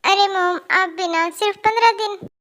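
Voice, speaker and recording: Girl doing a young boss guy, bossy then all babyish with mom, super high voice. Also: steady tone, normal speed, a bit bright. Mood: pleading. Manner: bossy at work, pleading and babyish with his mother. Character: young male company boss, cheeky, whiny with his mother.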